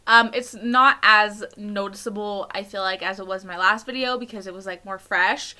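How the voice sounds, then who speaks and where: A woman's voice: medium pitch, steady tone, bright, forceful tone. A woman vlogging her makeup routine in casual chat, talking with a slight lisp from a tongue piercing, chatty and candid. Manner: chatty and candid, fillers and quick asides.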